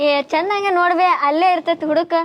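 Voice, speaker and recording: A woman's voice: very high-pitched, fairly even intonation, fast, no echo, highs cut off. A young woman playing a bossy student elder sister, speaking. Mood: scolding. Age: young adult. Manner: bossy, reproachful. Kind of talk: village short-film acting.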